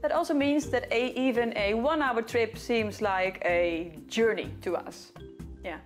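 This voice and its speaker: Speaking with a Dutch accent and a fairly high pitch, this young Dutch violinist and video host talks a little slowly as she casually answers questions to camera. Faint music plays behind her in a small living room lined with bookcases.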